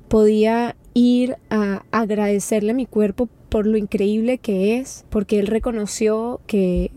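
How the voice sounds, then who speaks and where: A woman's voice: on the high side, mellow. A woman in her thirties hosting a personal podcast, talking in an intimate, earnest way and often asking "¿sabes?". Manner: intimate, earnest, speaks of feelings with many "¿sabes?". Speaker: podcast host. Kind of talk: personal reflective podcast monologue.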